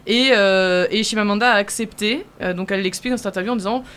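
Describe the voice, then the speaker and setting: A woman co-hosting a casual round-table talk, telling an example in a lively way with restarts. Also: medium pitch, fast. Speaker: podcast co-host.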